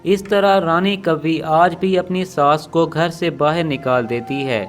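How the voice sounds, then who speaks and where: A man telling a cartoon moral story in steady, plain narration. His voice sits a little high, with faint music underneath. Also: a little slow.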